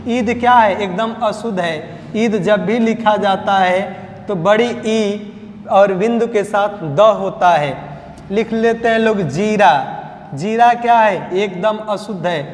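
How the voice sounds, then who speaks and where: High-voiced Hindi-accented teacher in an echoey hall. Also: male voice. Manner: drills words by slow repetition and quizzing. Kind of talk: spelling lesson at a whiteboard. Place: coaching classroom.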